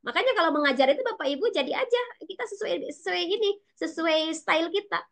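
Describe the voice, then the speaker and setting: Fast-talking Sundanese woman lecturing teachers. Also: very high-pitched. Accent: Sundanese-influenced Indonesian. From West Java, Indonesia (Sundanese). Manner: fast, animated talk that addresses listeners directly. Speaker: teacher educator speaking at a webinar. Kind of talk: lively webinar lecture to teachers.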